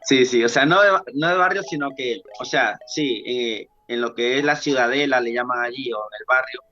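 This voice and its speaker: A man's voice: medium pitch, normal speed, pushed and bright, highs cut off. A man in his thirties from Ecuador with an Ecuadorian accent, a dancer chatting as a podcast guest, rambling with many restarts. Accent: Ecuadorian Spanish. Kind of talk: casual podcast interview.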